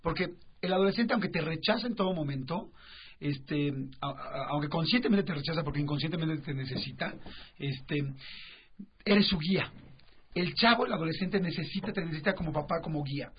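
Over dull radio broadcast audio, an author guest on a talk show speaks with a Mexican Spanish accent, explaining animatedly through rhetorical questions and acted-out quotes. His voice is a little high and breathy-edged, with lively intonation and a slightly fast pace.

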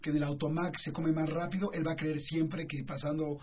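A man's voice: fairly high pitch, flat delivery, a little fast, slight background noise. A man with a Mexican accent, an author guest on a radio talk show, explaining animatedly with rhetorical questions and acted-out quotes. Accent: Mexican Spanish. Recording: dull radio broadcast sound.

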